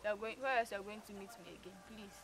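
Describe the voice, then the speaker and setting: A woman's voice: mid-range voice, fairly even intonation, fast, a crowd in the background, close to an everyday voice. A young woman acting as a polite woman with a hurt leg who keeps asking for help and says please constantly. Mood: defensive. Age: young adult. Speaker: actor in a short film. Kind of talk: short-film drama acting. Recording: noisy outdoor recording. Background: clear background noise.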